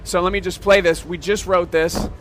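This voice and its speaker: A man with a slightly high voice walks through a software demo in a loose, casual way. He explains each step and keeps asking "okay?". Faint music plays in the background. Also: fairly even intonation, normal speed. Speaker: software demonstrator. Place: trade show floor.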